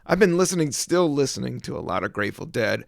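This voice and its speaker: A man from the American South hosts his own podcast, a rambling, laid-back solo chat packed with fillers, laughs, and sung snippets. His mid-range voice has vocal fry, big pitch swings, and a quick pace. The recording has clean studio sound with no room sound.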